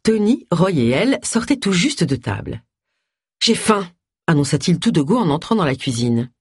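Husky woman narrating a novel. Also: sits low, big pitch swings, a little fast, a little mellow, dry recording, clean studio sound. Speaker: audiobook narrator. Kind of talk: scripted audiobook narration.

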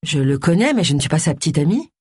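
A woman's voice: low-pitched, big pitch swings, fast, a little mellow, breathy edge, no echo, studio quality, full character voice. A reader voicing a determined young woman who speaks firmly and insistently. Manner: firm, insistent.

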